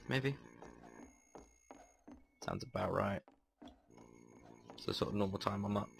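A young man talks his way through a game in loose, wry commentary. His voice sits fairly low, with a gravelly fry and a bright, forward edge. He rambles along in an offhand way. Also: a little hiss or hum. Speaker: gaming video host. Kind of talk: casual gameplay commentary.

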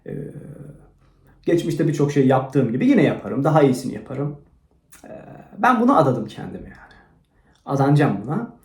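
A man hosting his own channel, rambling through a crude, self-mocking monologue that swings from low mumbling to loud rants. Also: big pitch swings, normal speed, long pauses. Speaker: channel host. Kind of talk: rambling motivational vlog monologue. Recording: roomy echo.

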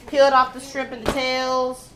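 A chatty young woman vlogger narrates her cooking in a casual home-kitchen video, walking through each step and tagging lines with "okay?". Her voice sits high and stays monotone at a normal speed. It's recorded indoors on a handheld phone camera, with background noise.

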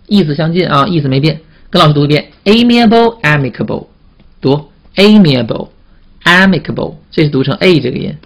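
A man's voice: on the high side, fairly bright tone. Male vocabulary teacher, repetitive questioning. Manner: repetitive, drawn-out "啊" fillers and call-and-response questions. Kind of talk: classroom vocabulary lecture.

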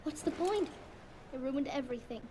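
An actress playing a small, insecure little sister in an animated series. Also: female voice, sits high, moderate pace, a little hiss or hum. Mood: dejected.

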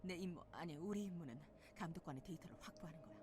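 A woman's voice: on the low side, racing, natural voice. A woman playing a stern, secretive military intelligence officer in a video game, speaking tersely and with authority. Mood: hushed, businesslike. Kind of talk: video game acting in Korean dub. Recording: game audio with clear background noise.

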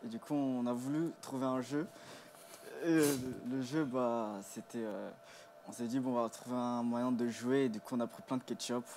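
A man from the Paris region recounts a childhood story in a relaxed, halting way, pausing often. His voice sits at a medium pitch. A faint noise is heard behind him. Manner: hesitant, filler-heavy. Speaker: co-host. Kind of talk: casual storytelling.

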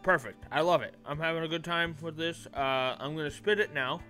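A man casually rambling through a product review, talking with a pinch of dip in his lower lip. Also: brisk, bright, forceful tone, faint music behind. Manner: casual, swears freely, repeats himself.

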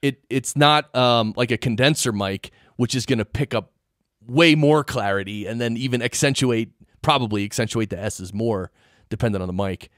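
A man hosting a podcast, chatting casually and explaining technical points in a halting, repeating way. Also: medium pitch, fairly bright tone, no echo, studio quality. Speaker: podcast host. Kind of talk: casual technical interview chat. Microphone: dynamic studio mic an inch from mouth.

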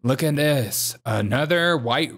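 A man's voice: mid-range voice, lively intonation, fairly bright tone. A man in his thirties giving sarcastic, mocking comedic news commentary from a small room, speaking into a desk microphone. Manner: mocking, laughing, drawn-out spelling. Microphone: desk microphone on camera.

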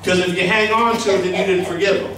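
With a high, sharp, steady voice and a quick pace, a middle-aged pastor preaches into a handheld mic. He is emphatic and conversational, putting questions to the congregation, in a small church sanctuary recorded by a distant camera with echo.

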